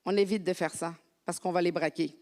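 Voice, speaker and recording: A woman from France preaching a lively, conversational sermon as a pastor in a church. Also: lowish voice, a little fast. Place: church sanctuary. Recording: long hall reverb.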